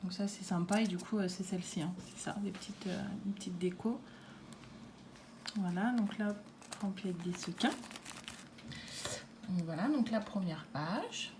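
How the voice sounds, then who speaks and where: A woman presenting a handmade scrapbook album in a casual way, pausing often with fillers and restarts. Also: medium pitch, background noise. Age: adult with a daughter. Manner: hesitant, many fillers and restarts. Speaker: scrapbooking vlogger. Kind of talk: casual craft show-and-tell.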